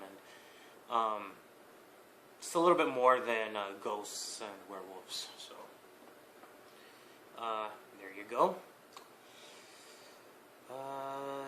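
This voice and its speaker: Slow, hesitant young man answering questions. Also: lowish voice, pushed and bright, a little hiss or hum. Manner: hesitant, many fillers and pauses, laughs often. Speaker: video host answering viewer questions. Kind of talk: casual Q&A vlog.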